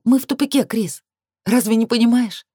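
A woman's voice: a little high, moderate pace, mellow, slightly rough, dry recording, studio quality, pitched above the performer's own voice. A woman voicing a defiant, torn young heroine.

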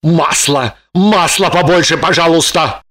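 A woman voicing a hungry, indignant grown man who is hiding from a husband, speaking loudly and theatrically. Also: low voice, measured pace. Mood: greedy. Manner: loud, outraged, theatrical.

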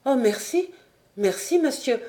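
A woman's voice: medium pitch, lively intonation, a little slow, warm tone, close to an everyday voice. A woman doing an eager young apprentice boy. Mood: earnest. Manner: eager, earnest and a little flustered. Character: shy earnest poor boy apprentice. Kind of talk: audiobook character voice.

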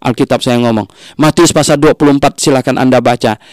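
A man's voice: medium pitch, fast talker, dry recording. Man, Bible study sermon, says "ya" often, dry close recording. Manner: frequent "ya" tags, acts out quoted voices. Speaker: Bible teacher.

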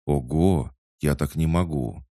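A man's voice: a bass voice, takes it slowly, mellow, no room sound, studio quality, full character voice. A man voicing an eager, curious young boy in an audiobook.

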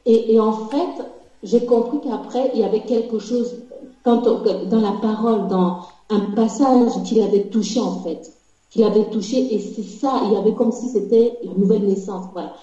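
A woman's voice: fairly high pitch, normal speed, mellow. A woman sharing a dream during a church session, talking hesitantly with many restarts. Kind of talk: conversational testimony. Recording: very echoey, muffled recording.

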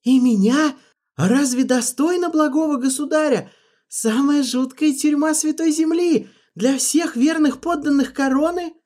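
A man voicing an anguished male court official pleading in a shrill voice. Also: measured pace, a little mellow.

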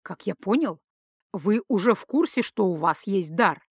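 A woman's voice: mid-range voice, animated, unhurried, husky, no room sound, clean studio sound. A woman voicing a polite, earnest man who recruits girls with magic, explaining patiently.

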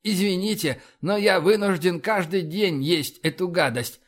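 A man's voice: sits high, unhurried, pitched above the performer's own voice. A man reading an audiobook, voicing a small, genial male scholar with a wry manner.

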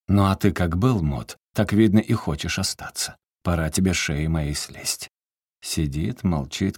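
A man reading a first-person story aloud in an expressive way, with his voice rising sharply in the quoted outbursts. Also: fairly low pitch, no echo, studio quality. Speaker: audiobook reader.

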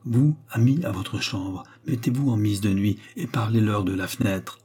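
Guy reading as a calm old mystic man, grave and quiet, lowish husky voice. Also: moderate pace. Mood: calm, solemn.

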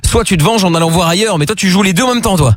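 A man's voice: high voice, rapid-fire, no echo. A man hosting a live call-in radio show in informal, slangy, teasing chat, close on a studio mic. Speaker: radio host.

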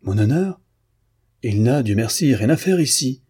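Un homme lisant à voix haute qui prête sa voix à un jeune violoniste orgueilleux et irrité. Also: male voice, on the low side, brisk, mellow, slightly rough. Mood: irritated. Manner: angry, indignant. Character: proud, irritated young male violinist.

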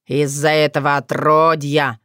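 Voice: mid-range voice, flat delivery, a little slow, bright, forceful tone, smooth, no echo, clean studio sound. A reader voicing a spiteful, half-mad old male forest spirit who snarls and gloats.

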